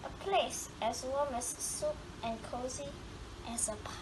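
The storybook reader here is a woman with a high voice who keeps a measured pace, drawing out words dramatically as she reads a children's picture book aloud. The home recording carries clear noise.

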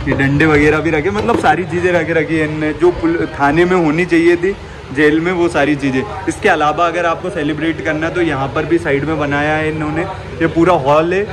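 A food vlogger in his 20s chats casually with viewers, holding his phone at arm's length selfie-style as he films in a cafe, both indoors and out front on a city street. His voice is fairly high, he's chatty and keeps calling viewers "bhaiya," and the recording picks up noisy street and cafe sound.

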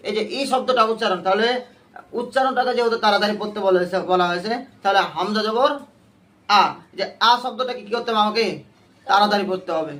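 A high-pitched male teacher leads a Quran reading class. He asks short questions over and over and waits for the students to answer in chorus. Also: fast, fairly bright tone. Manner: drills students with repeated questions. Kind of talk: call-and-response class lesson.

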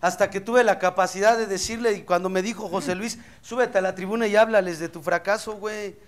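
Profane, high-voiced Mexican man testifying. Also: fairly even intonation, a little fast. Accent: Mexican Spanish. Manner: blunt, profane, impassioned storytelling. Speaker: AA speaker. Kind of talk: recovery meeting testimony.

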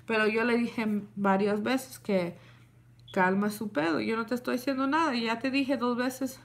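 Woman, young adult, casual storytelling, animated, code-switching. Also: a little high, measured pace, vocal fry. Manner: animated, switches between Spanish and English. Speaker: vlogger. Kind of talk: casual storytime to a live audience.

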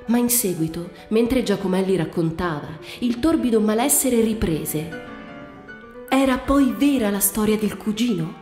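Woman reading a literary story aloud, measured and even, dark mellow tone, roomy echo, faint music. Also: mid-range voice. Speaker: reader.

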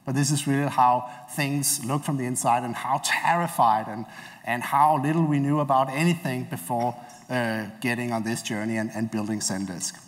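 A man in his forties giving a relaxed, hesitant conference keynote from a large stage, with many filler sounds. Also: medium pitch, normal speed. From Denmark. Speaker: keynote speaker. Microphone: headset mic. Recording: long hall reverb.

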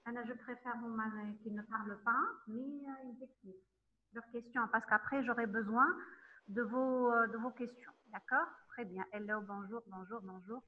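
A woman lecturer teaching an online class, talking haltingly with many fillers and checking in often with her students. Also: a little high, fairly even intonation, slight background noise. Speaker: university lecturer. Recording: tinny phone-like line.

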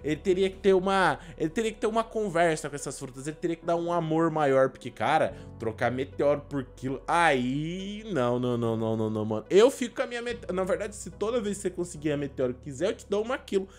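A young Brazilian man giving casual, slangy reaction commentary as a gaming YouTuber, expressive and prone to exclaiming. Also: a little high, fast, hardly any pauses, soft background music. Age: young adult. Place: small indoor room at a desk.

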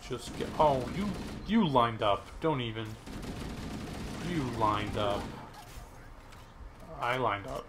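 A man narrates his own gameplay in an unhurried, drawn-out way, muttering and then suddenly yelping when things go wrong. His pitch sits right in the middle for a man. Steady background noise hangs under the recording. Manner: frustrated, self-mocking running commentary with outbursts. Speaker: let's play gamer. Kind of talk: gameplay commentary.

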